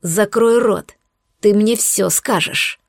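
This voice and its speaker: A woman voicing a young male demon lord who is furious and domineering, speaking in a slow, growling, menacing way. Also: mid-range voice, no echo, studio quality.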